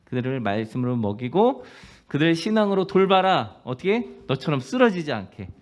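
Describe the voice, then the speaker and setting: A man's voice: fairly high pitch, sing-song, brisk. A man preaching a sermon as pastor, telling a story and acting out its quotes, often asking the congregation questions. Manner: asks the congregation rhetorical questions.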